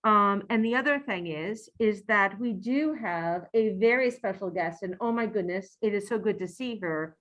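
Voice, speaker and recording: A woman chairing a board meeting over a video call, talking in a halting way with many ums and self-corrections. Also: medium pitch, a bit bright, low-quality recording. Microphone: computer mic on a video call.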